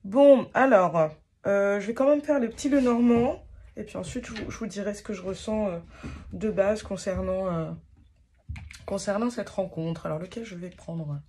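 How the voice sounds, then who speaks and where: A woman's voice: mid-range voice, moderate pace, mellow, a little hiss or hum. A woman giving a casual tarot card reading to her viewers, talking hesitantly with many fillers and restarts and poking fun at herself.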